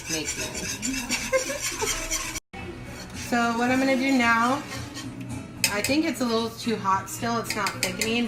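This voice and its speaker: A woman giving a casual, loose cooking demonstration, thinking aloud and wandering off on playful asides. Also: mid-range voice. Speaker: home cook hosting a cooking video. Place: home kitchen, recorded on a phone. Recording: noisy kitchen, clattering dishes and pans.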